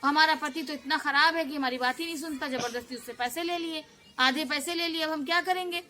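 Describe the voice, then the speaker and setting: A frightened young wife from a folk tale, anxious and pleading as she pours out her troubles, voiced by a woman storyteller. Her voice is high and bright. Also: fairly quick. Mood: distressed. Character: poor tearful weaver wife, worried.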